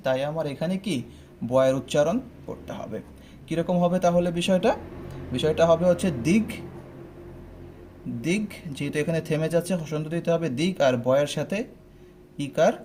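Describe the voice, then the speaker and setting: Young guy teaching a pronunciation class, slightly high voice, goes slow and keeps asking if you got it. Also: a little mellow, slight background noise. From Bangladesh. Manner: explains step by step, often asking "ঠিক আছে?". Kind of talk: online admission-test pronunciation lesson.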